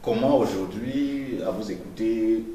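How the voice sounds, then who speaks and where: A man's voice: lowish voice, unhurried, mellow. A man interviewing a guest, asking hesitant, probing questions. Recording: echoey room, distant from mic, faint noise.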